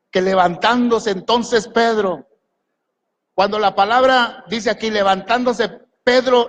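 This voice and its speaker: A man preaching, his voice sitting high for a man. He drives the sermon with questions and commands to the congregation. The sound carries a long reverb from a large church hall. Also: fairly bright tone. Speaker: pastor.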